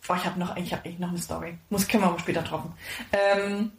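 Excitable woman podcast host. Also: on the low side, fast talker. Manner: excitable, gushing storyteller. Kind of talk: casual chat. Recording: echoey room.

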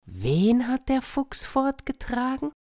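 A woman's voice: sits high, huge pitch swings, takes it slowly, darkish tone, voice pushed up, heavily acted. Woman doing a dry, dismissive cat. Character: cool, unimpressed grown-up cat.

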